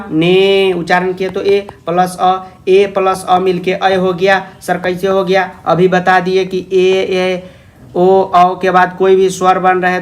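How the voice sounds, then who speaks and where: Male tutor with a fairly high voice who explains patiently and coaxes his students along, voicing their questions himself. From India. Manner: asks and answers imagined student questions himself; coaxing, calls listeners "babu". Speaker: teacher. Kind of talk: classroom-style grammar lesson.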